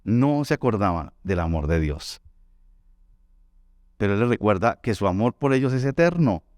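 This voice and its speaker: A man preaching a sermon as pastor, swinging between loud pleading and soft low tones. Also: very animated, moderate pace, dry recording, studio quality. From Colombia.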